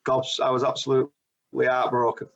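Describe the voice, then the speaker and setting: A man's voice: mid-range voice, completely flat delivery, fairly quick, fairly bright tone, muffled recording. A man from Rochdale telling football stories in a chatty way with northern slang. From England, Rochdale. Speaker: caller, football fan. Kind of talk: casual chat.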